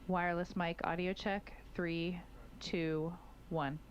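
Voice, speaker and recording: A woman's voice: fairly low pitch, level tone, slow. A woman crew member aboard a spacecraft, giving clipped, formal replies over a space-to-ground radio link. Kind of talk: radio communications protocol. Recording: muffled radio feed with faint hiss.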